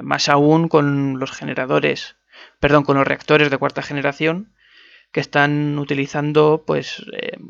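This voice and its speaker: Gravelly-voiced man in casual commentary. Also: on the high side, a bit bright, dry recording. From Spain. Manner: chatty, digressive, many fillers and self-corrections. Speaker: podcast energy commentator. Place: on the move, away from his usual setup. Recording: dull, lo-fi, dry sound.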